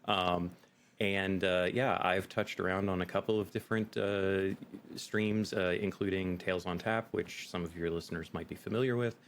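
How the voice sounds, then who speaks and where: A middle-aged American man, a game master appearing as a podcast guest, talks casually in an interview with an American accent. His voice is deep and steady at normal speed. There's a little hiss or hum in the recording.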